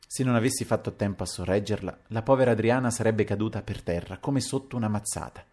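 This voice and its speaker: A man with a low voice reads a literary novel aloud as a first-person audiobook narration. He moves expressively between hushed narration and raised, acted dialogue. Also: quick pace. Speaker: audiobook reader.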